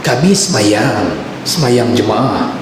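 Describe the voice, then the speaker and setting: During a religious lecture in a mosque hall, a male preacher tells an anecdote conversationally in a fairly low, expressive, slow voice. The recording carries the hall's echo along with background noise.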